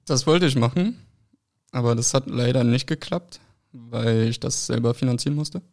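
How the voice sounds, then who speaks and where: A young adult man, born in France and raised in Berlin, answers casual interview questions as a football player. His mid-range voice is a little mellow and moves at a moderate pace, and his replies are short and hesitant, full of fillers.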